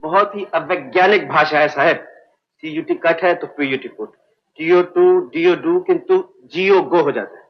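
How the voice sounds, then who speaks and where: A man's voice: fairly high pitch, a little slow. An actor playing a puzzled man in a comedy film scene, grumbling indignantly about spelling and pleading for an answer. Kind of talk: 1970s Hindi film comedy dialogue. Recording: dull lo-fi old film soundtrack.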